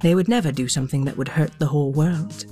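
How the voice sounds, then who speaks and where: A woman voicing a kind, patient fairy who gently reassures her friend. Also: low voice, fast, soft background music, lightly acted. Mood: gentle.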